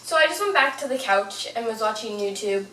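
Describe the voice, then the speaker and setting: A woman's voice: a little high, expressive, fairly quick, fairly bright tone. A young woman telling a personal story in a casual, chatty, informal way, as a vlogger to her viewers. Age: young adult. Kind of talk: casual storytime, paranormal anecdote. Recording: roomy, distant mic, fan noise. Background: whirring fan.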